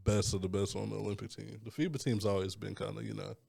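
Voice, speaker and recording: Male podcast co-host, low gravelly voice, measured and agreeable in casual chat. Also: level tone, a little mellow, no room sound, studio quality.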